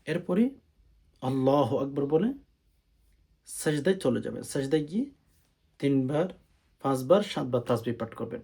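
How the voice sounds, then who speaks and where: Mellow-voiced Bangladeshi man teaching prayer. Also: medium pitch, lively intonation, husky. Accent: Bangladeshi Bengali. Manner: explains plainly, then recites Arabic slowly in a chanting tone. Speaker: Islamic prayer instructor. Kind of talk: step-by-step religious instruction.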